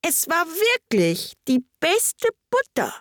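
A woman voicing an odd, contrary male hare in a storybook reading, with a lifted, drawn-out tone. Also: extremely high pitch, wildly swooping pitch, no room sound, studio quality, pitched above the performer's own voice, heavily acted.

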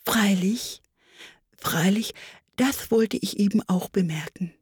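A woman voicing a sleepy little dormouse in a storybook reading, talking slowly and softly as if half asleep. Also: mid-range voice, breathy edge, no echo, studio quality. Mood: drowsy. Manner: slow, soft, half-asleep murmur.

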